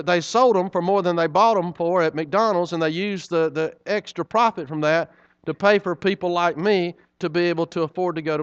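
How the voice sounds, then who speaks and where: With a high-pitched, clear, and resonant voice, a middle-aged preacher tells sermon stories conversationally and folksily, frequently speaking aside to the congregation. The recording is dry and lo-fi.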